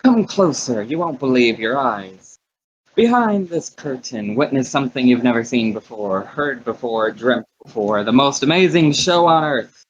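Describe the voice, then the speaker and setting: A man voicing a flamboyant ringmaster sorcerer who calls out to the crowd in a booming, theatrical barker's voice, over muffled lo-fi audio. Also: lively intonation, normal speed, a little hiss or hum, close to an everyday voice. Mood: grand showman.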